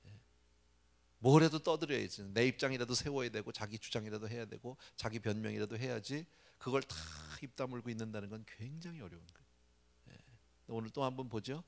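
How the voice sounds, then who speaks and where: A man's voice: mid-range voice, fast, creaky. A male pastor giving a conversational sermon at a church prayer meeting, often dropping "yes" between phrases.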